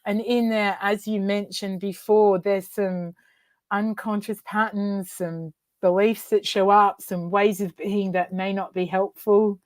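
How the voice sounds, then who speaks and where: An expressive woman guest speaking as a coach and author, mid-height voice in a dry, close-miked setting. She talks in a conversational way and brings her stories to life with sudden vocal leaps. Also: measured pace, no echo. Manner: animated, acts out dialogue with big pitch leaps. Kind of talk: conversational storytelling interview.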